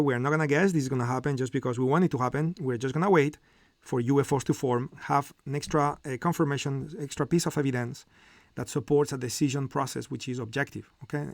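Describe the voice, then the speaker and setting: A man's voice: mid-range voice, quick pace, dry recording, clean studio sound. A middle-aged man hosting a live trading lesson, explaining step by step with frequent fillers and "okay?" check-ins. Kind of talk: live market commentary and teaching.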